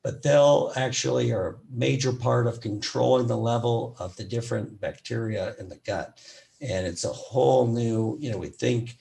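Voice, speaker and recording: A man with a raspy voice, a physician giving an educational medical talk in a loose, rambling way with many fillers. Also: mid-range voice, a little mellow. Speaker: physician presenter.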